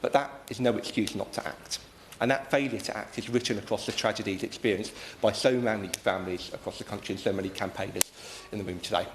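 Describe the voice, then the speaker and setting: A British man giving an earnest, measured and wordy speech as a member of parliament in a formal debate. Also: lowish voice, steady tone. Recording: echoey room, faint background noise.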